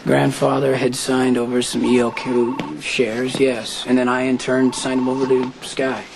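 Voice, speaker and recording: A defensive young man, played by a man, digs in and refuses to budge. His voice sits at an ordinary male pitch. The broadcast carries a clear layer of noise. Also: little pitch movement, normal speed, natural voice. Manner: defensive, stubborn. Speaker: grandson in legal trouble. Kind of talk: soap opera acting.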